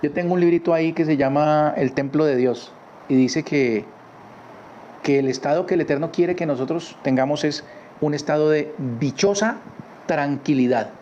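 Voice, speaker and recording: A man teaching a religious lesson from his home in a conversational way, often adding quick tag questions. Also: on the high side, a little mellow. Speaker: Torah teacher. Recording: slightly dull recording with faint background noise.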